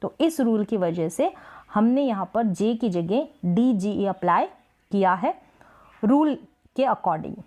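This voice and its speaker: A woman teaching English spelling rules, patiently repeating example words slowly for practice. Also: mid-range voice, lively intonation, warm tone. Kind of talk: Hindi-language spelling lesson.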